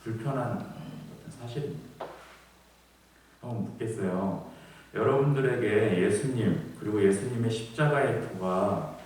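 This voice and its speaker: A man's voice: fairly low pitch, measured pace, a little mellow, a little hiss or hum. A man preaching a Sunday sermon, talking with the congregation, asking them questions and acting out the people in his stories. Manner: conversational preaching, asks the congregation questions, acts out voices. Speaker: pastor. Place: church sanctuary. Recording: echoey church hall, mic at a distance.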